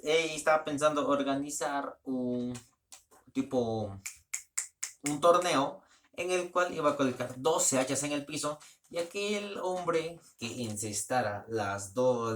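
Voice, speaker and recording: A man's voice: medium pitch, a bit bright, a little hiss or hum. A man giving a casual spoken plot summary in a loose, rambling way, often restarting his sentences. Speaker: book reviewer.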